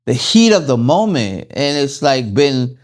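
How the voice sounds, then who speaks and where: A man's voice: medium pitch, very animated, a little slow. A middle-aged man co-hosting a candid podcast, talking in an emphatic, slangy way and laughing at himself. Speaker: podcast co-host.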